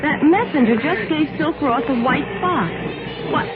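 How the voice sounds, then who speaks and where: A woman's voice: sits high, animated, normal speed, narrow, tinny audio, loud music behind the voice. An actress playing an eager, curious young woman at a fight in an old radio drama, full of exclamations and questions. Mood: excited, curious. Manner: bright-eyed, exclaiming and questioning. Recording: band-limited old radio recording, loud crowd.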